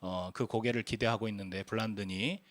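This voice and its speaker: A man's voice: on the low side, steady tone, fairly quick, fairly bright tone, dry recording. A man in his forties preaching a sermon as a pastor, telling stories earnestly with frequent hesitant fillers.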